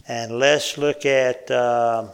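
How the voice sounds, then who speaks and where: A man preaching a sermon in a folksy, animated way, often asking the congregation questions. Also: mid-range voice, very slow, clear, resonant tone.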